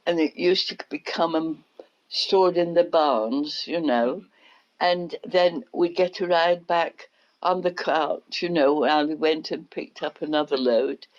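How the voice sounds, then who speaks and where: An older woman, reminiscing in an oral history interview as an unhurried storyteller. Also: low voice. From England. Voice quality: unhurried storyteller, acts out quotes. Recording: dull lo-fi recording.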